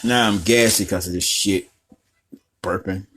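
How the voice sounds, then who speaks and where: A man's voice: low-pitched, steady tone, measured pace, fairly bright tone, slight background noise. A man hosting a casual coloring tutorial, rambling through profane, joking asides while he works. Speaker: art tutorial host.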